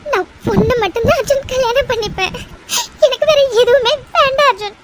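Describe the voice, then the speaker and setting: Her voice very high and fairly quick, a woman performs a devoted young woman in a melodramatic Tamil audio drama, sobbing over her hurt beloved. Desperate and tearful, she begs repeatedly, and the recording is noisy with clicks.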